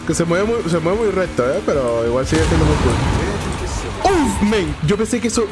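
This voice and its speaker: A Venezuelan man talks over his game with a slightly high, swooping voice. He blurts out exclamations and slang and rattles off repeated words. Game music plays clearly behind him. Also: big pitch swings, normal speed. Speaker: gameplay streamer. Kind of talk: excited gameplay commentary.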